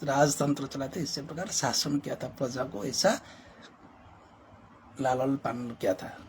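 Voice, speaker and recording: A man's voice: medium pitch, unhurried, a little mellow, slight background noise. A man giving an impassioned commentary as a social reformer, emphatic and repetitive, with many rhetorical questions.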